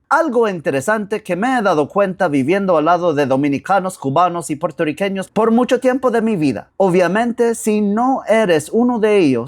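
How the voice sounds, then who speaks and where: A woman giving a recorded language lesson, saying each phrase slowly and repeating it for practice. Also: fairly low pitch. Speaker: language teacher. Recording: music playing underneath.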